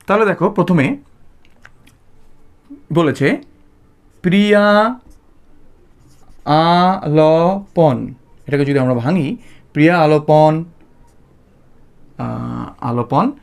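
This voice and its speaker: বাংলা টানের এক পুরুষ শিক্ষক, ক্লাস-লেকচারের ঢঙে ধৈর্য ধরে বোঝাচ্ছেন, শব্দ ভেঙে ভেঙে ধীরে বারবার বলছেন।. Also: male voice, fairly high pitch. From Bengal, India. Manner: patient, repeats and breaks words apart slowly. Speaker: Sanskrit teacher. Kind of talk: explanatory class lecture.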